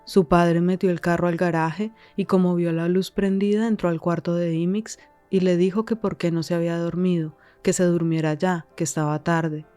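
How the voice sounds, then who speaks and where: A woman reading scripted podcast narration in a measured, calm way. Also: on the low side, clean tone, no room sound, soft background music.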